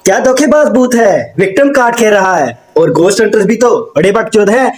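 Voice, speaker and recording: A man's voice: high voice, brisk. A man doing a comedic roast voice-over, mocking with crude jokes. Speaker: roast commentator.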